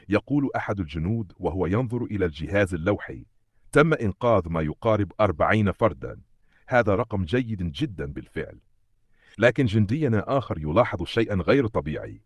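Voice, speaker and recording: Deep husky male story narrator. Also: no room sound, clean studio sound. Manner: steady, dramatic storytelling. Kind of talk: scripted dramatic narration.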